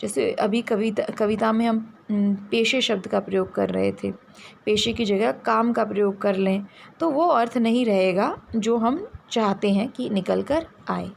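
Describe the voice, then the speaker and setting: Woman teacher, slightly gravelly voice, patient explainer, faint hiss behind. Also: medium pitch, unhurried, darkish tone. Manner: explains step by step, asks and answers her own questions. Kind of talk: classroom lecture.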